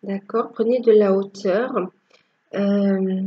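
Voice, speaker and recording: A woman giving a tarot reading to her viewers, with a halting delivery that repeats phrases. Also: medium pitch, fairly even intonation, muffled recording. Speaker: tarot reader.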